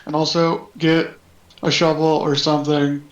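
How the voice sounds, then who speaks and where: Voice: mid-range voice, flat delivery, a little slow, muffled recording. A player in a tabletop game, speaking in character with earnest urgency. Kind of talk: tabletop role-play. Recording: echoey room.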